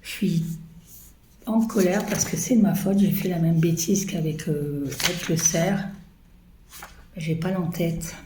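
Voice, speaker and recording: A woman talks slowly and haltingly to her viewers about her embroidery, filling gaps with hesitations. Her voice sits low and mellow, and her throat sounds choked. The recording is roomy and echoey, with faint noise behind her. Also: fairly even intonation. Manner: hesitant, many fillers. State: coughing, choking. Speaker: embroidery vlogger. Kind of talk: casual chat to viewers.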